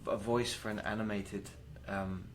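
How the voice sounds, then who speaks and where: A man's voice: on the low side, moderate pace, a little hiss or hum. A man in his thirties, an actor being interviewed, talking casually with hesitant fillers and easy laughs. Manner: relaxed, hesitant with many fillers, laughs easily. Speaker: actor guest.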